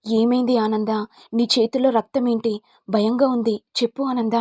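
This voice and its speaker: An alarmed elder sister who fires anxious questions, as a woman reading a story puts her on. Her voice sits high and mellow, with a husky edge. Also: flat delivery, normal speed, no echo, clean studio sound. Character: alarmed older elder sister, demanding answers.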